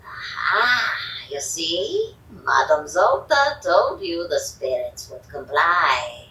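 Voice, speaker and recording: A woman playing a grandiose fortune-teller medium in a Halloween audio drama, switching between hushed whispers and commanding cries. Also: lowish voice, very animated, takes it slowly, full character voice. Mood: triumphant. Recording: echoey room, distant mic, faint noise.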